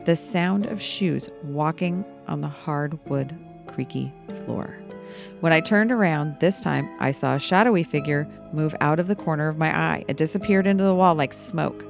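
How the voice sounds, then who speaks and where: A woman voicing a spooked male bartender, reading his ghost story aloud in a hushed, quiet spooky voice. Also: a little high, normal speed, gravelly, over music.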